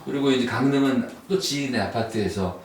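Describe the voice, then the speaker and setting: A man speaking as a guest author in a relaxed, conversational way, unhurried and thinking aloud with fillers. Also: medium pitch. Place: book cafe. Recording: roomy distant sound, faint noise.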